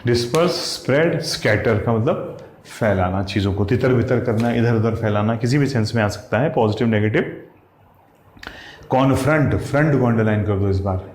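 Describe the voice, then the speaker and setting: A man with a lowish, darkish voice teaches English exam vocabulary at a moderate pace, in an echoey room with faint ambience. He spells each word letter by letter and keeps checking in with his students, addressing them as "साथियों" and "भैया".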